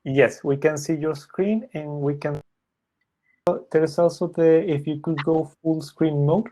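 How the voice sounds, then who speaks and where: A man moderating a webinar Q&A as host on a video call, brisk and courteous. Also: on the high side, steady tone, warm tone.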